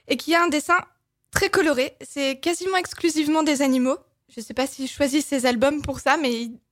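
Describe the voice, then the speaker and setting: A woman reviewing illustrated children's books on the radio, enthusiastic, with small hesitations. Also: high voice. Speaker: book reviewer. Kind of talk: casual radio book review.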